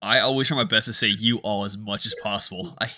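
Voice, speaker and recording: Bright-voiced Kentucky man, careful th sounds. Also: lowish voice, steady tone, quick pace. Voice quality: speech impediment with th sounds, careful breaks in words. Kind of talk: casual chat.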